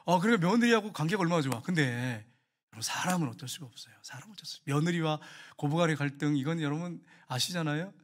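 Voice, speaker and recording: Fast, high-voiced Gyeongsang pastor preaching. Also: male voice, expressive. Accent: Gyeongsang Korean. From Gyeongsang region, Korea. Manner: storytelling with rhetorical questions, swinging from hushed to emphatic. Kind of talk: sermon.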